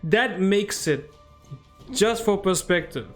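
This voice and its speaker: A man casually commenting on his card game as he plays, thinking aloud and getting excited at wins. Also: high-pitched, slow, soft background music. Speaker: game streamer.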